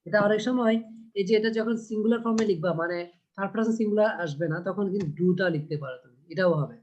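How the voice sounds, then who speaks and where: Patient teacher on a dull lo-fi call. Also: male voice, sits high, a little mellow. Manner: explains patiently, reads poem lines slowly. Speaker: English teacher. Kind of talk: online class lesson. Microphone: video call. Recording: dull lo-fi video call audio.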